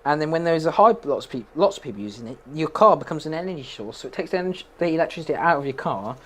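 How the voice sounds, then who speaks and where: A man's voice: on the high side, animated, racing. A young man chatting casually while playing a game, rambling, opinionated and laughing often. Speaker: gaming streamer.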